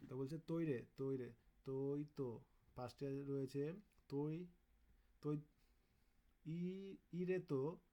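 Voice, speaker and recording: A man, teaching a casual exam-prep lesson on Japanese kanji, thinking aloud and sounding out Japanese words slowly. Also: medium pitch, dark tone.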